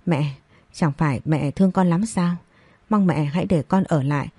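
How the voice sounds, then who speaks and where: A woman's voice: deep voice, moderate pace, warm tone, breathy edge, dry recording. A woman voicing a young daughter-in-law in an audio story, speaking in a begging, desperate way. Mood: pleading.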